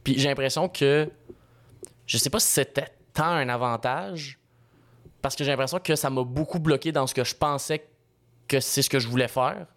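A man's voice: mid-range voice, moderate pace, a bit bright. A young man with a Quebec French accent hosting a casual podcast chat, talking in colloquial, sweary slang. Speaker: podcast host.

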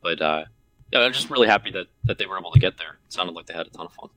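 A man's voice: low-pitched, animated, racing, a bit bright, low-quality recording. A man co-hosting a podcast, talking casually and repeating himself as he explains things. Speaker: podcast co-host. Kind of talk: casual chat.

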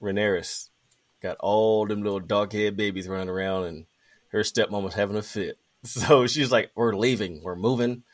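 A man's voice: fairly low pitch, steady tone, normal speed. A man hosting a podcast in casual, informal talk full of slang. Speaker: podcast host. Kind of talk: casual chat.

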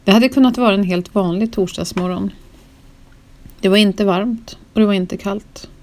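A woman with a low, gravelly voice reads a personal memoir in the first person. Her delivery is slow and solemn, weighed down with grief. It is scripted storytelling. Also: dark tone. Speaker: narrator.

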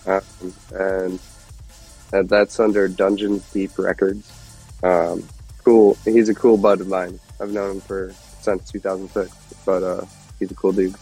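Low-sitting, warm, and slightly rough, this man's voice has a flat delivery and a measured pace, recorded roughly over soft background music. He's a guest musician from Detroit in his thirties, casually rambling through stories full of fillers.

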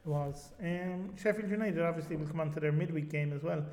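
A man hosts a casual football podcast in a big echoey space. His voice is fairly high and soft-edged, with a conversational, hesitant delivery. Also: a little fast. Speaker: podcast host. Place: echoey room. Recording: echoey room, big echo on voice.

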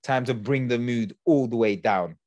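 A man's voice: mid-range voice, moderate pace, a little mellow, no echo. A young man, hosting a podcast in casual, slangy chat. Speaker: podcast host.

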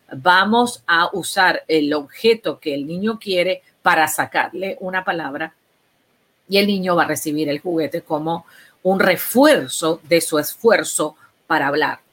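Woman, lowish voice, calm instructive speech-therapy explainer. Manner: patient, instructive, slow deliberate examples.

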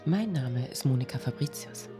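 A woman hosting a cultural podcast, introducing and questioning her guest in a measured way. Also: extremely low pitch, lively intonation, loud music behind the voice. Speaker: podcast host.

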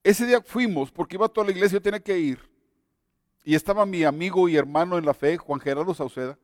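A man's voice: high voice, quick pace, no room sound, clean studio sound, in a large hall. A man preaching a sermon and telling his own testimony, earnest and exhorting.

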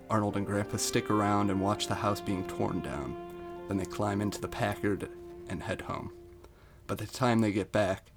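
A man reading a written episode pitch aloud in an even storytelling way, on a podcast.

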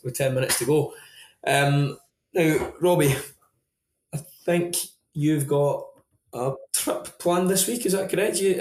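A young adult Scottish man hosting a sports podcast, chatting and reporting casually with a hesitant, dryly teasing delivery. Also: medium pitch. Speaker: podcast host. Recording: echoey, roomy sound.

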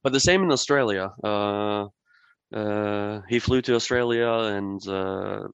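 A man from Norway, a brewery guest in a podcast interview, speaking haltingly with many fillers and restarts. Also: lowish voice, vocal fry, smooth, dry recording, highs cut off.

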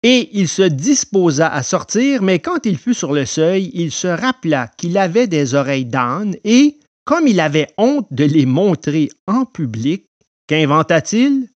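A man narrating a storybook in an expressive telling voice. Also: on the high side, a little slow, dry recording.

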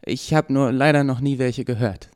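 A man's voice: mid-range voice, fairly even intonation, moderate pace, a little mellow, pitched above the performer's own voice, close to an everyday voice. A man voicing a curious, blunt young woman in hospital who asks direct, puzzled questions.

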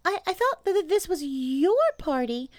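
A woman's voice: extremely high pitch, very animated, a little slow, voice pushed up, full character voice. A woman voicing a small, timid male piglet in a children's storybook, anxious and hesitant, with a slight stammer.

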